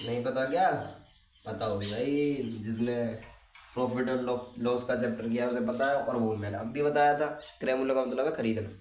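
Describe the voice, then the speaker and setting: A man's voice: medium pitch, moderate pace, a little mellow, slight background noise. A man teaching maths in a casual classroom style, talking students through each step and answering his own questions. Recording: roomy, mic at a distance.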